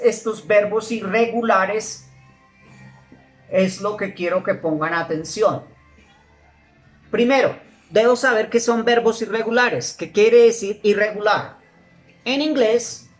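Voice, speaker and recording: A woman teaching English grammar, slowly repeating English words for her students to drill. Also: medium pitch. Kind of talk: classroom grammar lesson.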